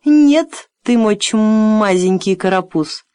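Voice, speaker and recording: A woman's voice: mid-range voice, animated, a little mellow, clear, resonant tone, no room sound. A woman voicing a scheming, cruel female dragon who hisses and drawls with false sweetness in an audiobook. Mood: mocking laughter. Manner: hissing, sneering, slow and drawn out. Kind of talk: audiobook character voice.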